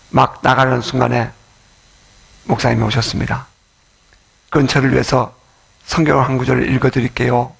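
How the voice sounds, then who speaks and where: A man's voice: medium pitch, creaky, slightly rough. A male pastor preaching an emotional, storytelling sermon in a church.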